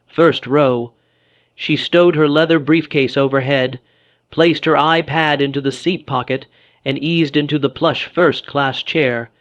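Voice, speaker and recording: A man reading a dramatic story as its narrator, steady and scripted. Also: medium pitch, no room sound, highs cut off.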